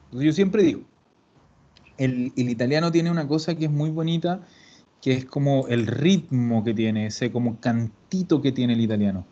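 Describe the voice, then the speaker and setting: A man teaching an online Italian class, explaining slowly and patiently to his students. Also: medium pitch, mellow. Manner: slow, patient explaining, addresses students formally. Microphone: video call. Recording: dull lo-fi video call audio.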